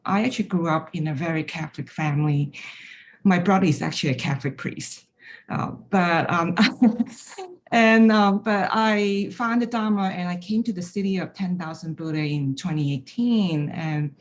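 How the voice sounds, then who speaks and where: A graduating student from Hong Kong, whose first language is Chinese, gives a personal reflection talk. She tells her story candidly with light self-deprecating humor. Her voice is fairly low in pitch with a darkish tone.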